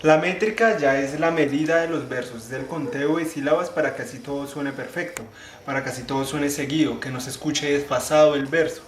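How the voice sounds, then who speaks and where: Young man explaining poetry terms, echoey room. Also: a little high. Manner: explains step by step, restarts phrases, slows to spell out syllables. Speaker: student presenter. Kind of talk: explanatory class presentation. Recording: echoey room, faint ambient noise.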